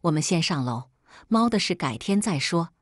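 A cold, proud rich young husband, short and dismissive, read by a woman in her own low, husky voice. The lines sound close and dry, as a storybook reading. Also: expressive, normal speed, dry recording. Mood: gentle.

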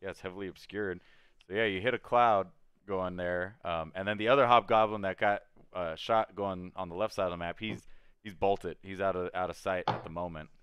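Low, smooth male game master in a dry room, talking loosely and restarting often. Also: fairly even intonation, brisk, fairly bright tone, dry recording. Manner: loose, hesitant narration with many restarts. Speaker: dungeon master. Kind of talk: running a tabletop game over a call.

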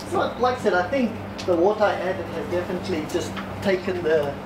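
A man's voice: high-pitched, animated, brisk. Young man coaching casually, noisy outdoor recording. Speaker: host coaching a guest through an ice bath. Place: outdoor covered backyard patio. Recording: outdoor background noise, distant mic.

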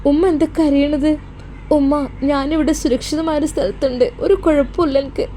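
Woman reader voicing a scared, hopeful young wife, earnest and high, Malappuram accent. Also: fairly even intonation, moderate pace, warm tone, a little hiss or hum, natural voice. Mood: anxious. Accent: Malappuram Malayalam. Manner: earnest, anxious, prayerful.

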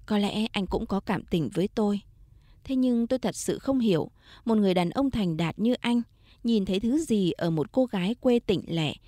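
A woman storyteller reading a first-person country story in a calm, measured way. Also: medium pitch, dry recording, studio quality. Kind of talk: first-person scripted narration of a late-night story.

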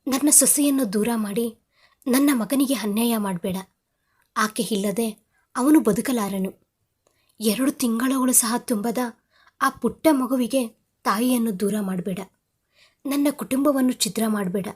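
A woman's voice: on the high side, measured pace, long pauses, darkish tone, slightly rough. A woman voicing a worried middle-aged mother-in-law who prays tearfully for her daughter-in-law. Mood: tearful pleading. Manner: tearful pleading prayer.

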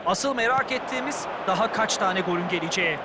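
A man's voice: sits high, expressive, fast talker. A man playing an opinionated, enthusiastic football co-commentator in a video game, giving analysis in full flowing sentences. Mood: impressed. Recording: loud stadium crowd and noise. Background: roaring football crowd.

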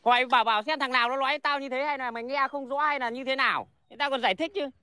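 A man's voice: very high-pitched, rapid-fire, bright, forceful tone, smooth, no echo. A man hosting a casual livestream, talking bluntly and rambling with restarts and frequent swearing. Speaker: livestream host selling plants.

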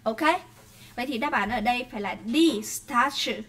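A woman with a Vietnamese accent teaching an online English class, pronouncing words slowly and carefully, then explaining in quick bursts with frequent checking questions. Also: a little high, pushed and bright.

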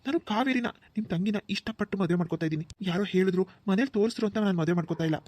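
A man's voice: high-pitched, racing, a little mellow, no room sound. Man voicing an earnest young groom. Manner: earnest, reassuring, respectful.

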